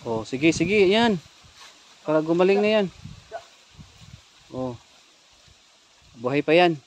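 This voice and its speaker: A man with a high-pitched voice hunts ghosts outdoors in a forest, barking tense, urgent orders to his team. A faint wash of outdoor noise sits behind him. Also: lively intonation, slow pace. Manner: urgent, tense commands directing companions. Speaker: ghost hunter. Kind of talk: ghost-hunting vlog narration.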